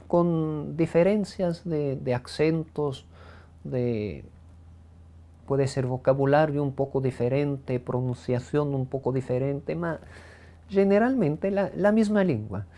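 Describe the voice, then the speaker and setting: A man from the Bronx, speaking with a Ladino-speaking New York accent, tells his life story in an interview at his home, pausing often with "eh" as he thinks. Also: on the high side, mellow. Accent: Ladino-speaking New Yorker. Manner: thoughtful, with frequent "eh" pauses.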